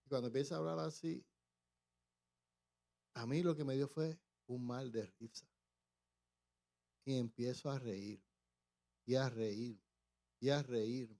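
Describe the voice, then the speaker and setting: A man preaching a testimony in church, telling the story with halting restarts and acted-out voices. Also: medium pitch, creaky, warm tone. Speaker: pastor. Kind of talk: testimony sermon.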